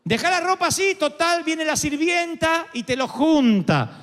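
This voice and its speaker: A mocking, exasperated mother nags her child in a sharply raised, sing-song voice, as a male preacher puts her on. The sarcasm rides on wide swoops of pitch, and a long hall reverb trails each phrase. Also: very animated, measured pace, a bit bright, heavily acted. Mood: sarcastic scolding.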